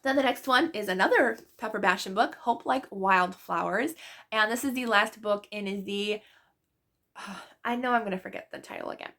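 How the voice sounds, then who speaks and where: A woman book vlogger talks through her favorite reads in a loose, gushing way, with lots of "like" and "literally" along the way. Her voice sits at an ordinary middle pitch and has a noticeable gravelly fry. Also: moderate pace, a bit bright. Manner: chatty and gushing, with frequent fillers like "like" and "literally". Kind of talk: casual book review chat.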